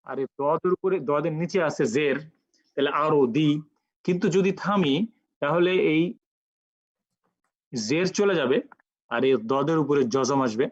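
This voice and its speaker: A man teaching Quran recitation rules in an online lecture, explaining patiently step by step and repeating sounds slowly for practice. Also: a little high, no room sound, lo-fi sound.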